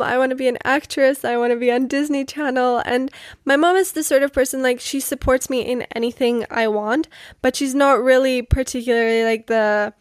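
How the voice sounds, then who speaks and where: A woman's voice: fairly high pitch, no echo, clean studio sound. A young woman from the Czech Republic, a native Czech speaker, hosting her own podcast and chatting earnestly about her life, with lots of "like" and "you know". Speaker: podcast host. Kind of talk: casual solo podcast storytelling.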